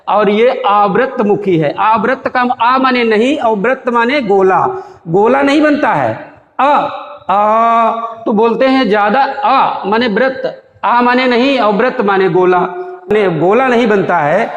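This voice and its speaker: A man teaching Hindi grammar, explaining vowel sounds and demonstrating each one aloud in a repetitive, explanatory way, recorded in an echoey room with long reverb. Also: sits high.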